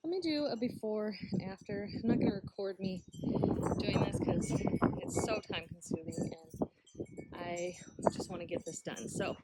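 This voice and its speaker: A woman's voice: medium pitch, moderate pace. A young woman vlogging in her backyard garden, chatty and rambling as she works, and out of breath. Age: young adult. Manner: chatty, rambling, talks while working. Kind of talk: casual chat while gardening. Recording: faint outdoor noise, windy.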